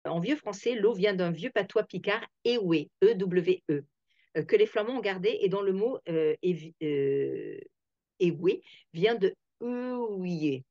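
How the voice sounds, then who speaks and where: A woman's voice: lowish voice, expressive, measured pace, mellow, dry recording. A woman hosting a reflective talk, thinking aloud with many fillers and restarts. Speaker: host. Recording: dull, dry lo-fi sound.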